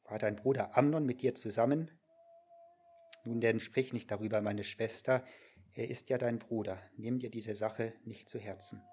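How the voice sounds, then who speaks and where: A man reading as Absalom, a calming brother. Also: fairly low pitch, moderate pace, slightly rough. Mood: soothing. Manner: plain read-aloud delivery. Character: older brother calming his sister.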